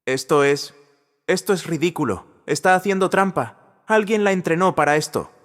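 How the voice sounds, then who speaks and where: A man voicing an arrogant man who is losing control, shouting desperate, shrill protests. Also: normal speed, natural voice. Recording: long reverb.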